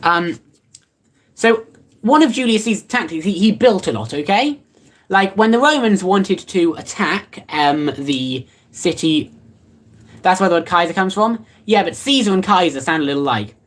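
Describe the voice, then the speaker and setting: Livestreamer, casual chat, lively swinging pitch, rambling, fillers, playfully sarcastic. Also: normal speed. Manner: rambling and offhand, many fillers and restarts.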